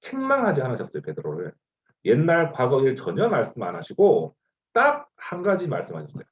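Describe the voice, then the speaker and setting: A man's voice: mid-range voice, wildly swooping pitch, a little fast, highs cut off. A man preaching a sermon to a youth group over an online video call, asking the listeners rhetorical questions. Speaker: youth pastor. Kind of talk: sermon to middle-school youth.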